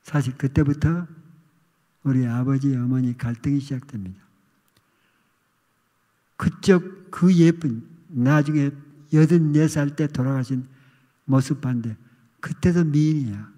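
An older male pastor giving a sermon testimony, telling a childhood story with animated, acted outcries. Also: medium pitch, measured pace, pauses often. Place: church sanctuary. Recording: long reverb of a church hall.

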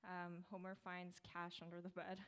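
A woman's voice: on the low side, monotone, moderate pace, fairly bright tone, clean tone. A young woman presenting her startup's product at a meetup, talking casually through a live demo with fillers and restarts. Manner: casual, upbeat, many fillers. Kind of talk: conference talk with live demo. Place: small theater stage.

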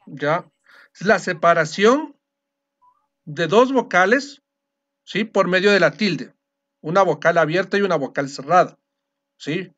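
High-voiced man teaching a class. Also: expressive, a bit bright. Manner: explanatory, often checks understanding with a quick question. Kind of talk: classroom lecture. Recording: dull lo-fi recording.

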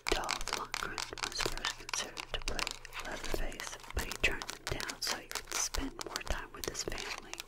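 Female ASMR reviewer, fast and aggressive whisper, scripted delivery, slightly distant from the mic with tapping and clicking behind. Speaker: ASMR video host and film reviewer. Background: tapping and clicking on plastic objects.

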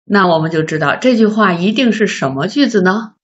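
A woman teaching a beginner English lesson, patiently asking learners questions and sounding out words slowly. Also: medium pitch, expressive, husky. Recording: slightly dull lo-fi recording.

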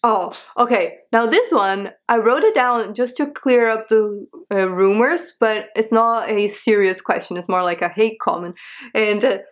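A young woman speaks straight to camera from a small bedroom. Her talk is chatty and candid, full of asides and rhetorical questions, at a middling pitch. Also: a little slow. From Brazil. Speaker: vlogger. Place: small bedroom with a sofa, indoors.

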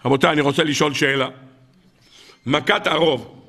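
Gravelly, bright-voiced rabbi preaching. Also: male voice, a little high. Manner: dramatic storytelling preacher, rises to loud exclamations. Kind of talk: weekly Torah sermon.

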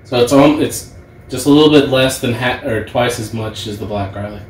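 A man's voice: medium pitch, normal speed, far from the mic. A man talking casually among friends. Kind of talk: casual group chat. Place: living room. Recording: echoey room, faint noise.

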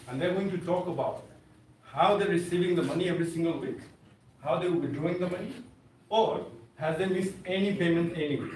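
A man speaks to a seated room in an insistent, persuasive sales pitch, his voice fairly high for a man. He is picked up from across a reverberant meeting room, with faint background noise. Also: distant mic. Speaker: presenter. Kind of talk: sales presentation to a seated audience. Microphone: far camera, no mic seen.

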